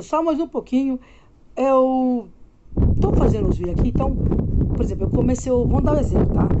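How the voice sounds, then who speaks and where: Lying in bed with the phone held close, this forties-aged vlogger from Minas Gerais, Brazil chats casually to her viewers in Minas-accented Brazilian Portuguese. Her voice sits at medium pitch with a warm tone, though the recording is muffled and carries slight background noise.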